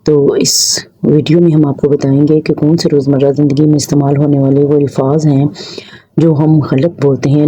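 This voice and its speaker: Mellow, husky voice teaching pronunciation. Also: medium pitch. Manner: careful, explanatory, repeats each word slowly. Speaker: Urdu language teacher. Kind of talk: pronunciation lesson for a video channel.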